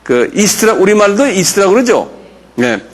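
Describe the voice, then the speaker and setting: A man's voice: high voice, very animated, moderate pace. A man, a pastor, giving a Bible lecture and drilling his audience on English words for feast days, with many fillers and check-ins. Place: church or mission center lecture room.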